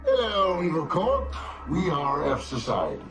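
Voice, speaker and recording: A man's voice: fairly high pitch, wildly swooping pitch, a little slow. An actor playing a mocking masked male hacker spokesman, his voice run through a voice changer, making theatrical, mock-polite demands. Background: loud music.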